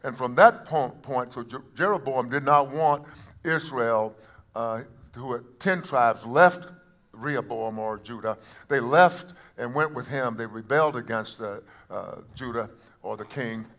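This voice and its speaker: A man preaching a sermon to a congregation, shifting between quiet asides and loud emphatic calls and often restarting his phrases. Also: mid-range voice, a little slow. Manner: repeats words and restarts phrases. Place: church service before a congregation.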